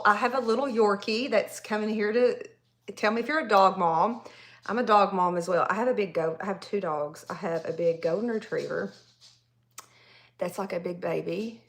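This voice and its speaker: Chatty Southern woman in her forties. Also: medium pitch. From Tennessee, US. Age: 40s. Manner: chatty, rambling, addresses viewers directly. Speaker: makeup artist livestream host. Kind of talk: casual livestream makeup tutorial.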